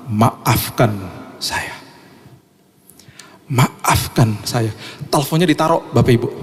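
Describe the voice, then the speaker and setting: Storytelling pastor in a reverberant church. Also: male voice, medium pitch. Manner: storytelling, acts out the dialogue with a raised voice. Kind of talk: sermon. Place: large church hall. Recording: long church hall reverb.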